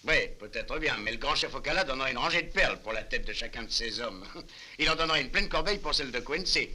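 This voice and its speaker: A sharp, quick, teasing frontiersman. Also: medium pitch, animated. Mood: wry, teasing. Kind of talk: dubbed adventure film acting.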